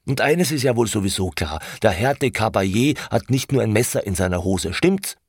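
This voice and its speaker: A man voicing a touchy young apprentice from the country, pitching his voice up and speaking loudly and indignantly. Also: animated, moderate pace, vocal fry, husky, no room sound, clean studio sound, exaggerated voice. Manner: indignant, raised voice. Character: touchy young farm-boy apprentice, quick to anger.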